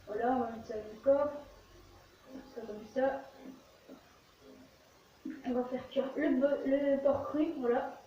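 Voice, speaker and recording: A woman's voice: high voice, slow pace, long pauses. Woman, casual let's play host, short narrated fragments, heavy room echo, muffled distant recording. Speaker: gaming video host. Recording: very echoey, distant, muffled, faint noise.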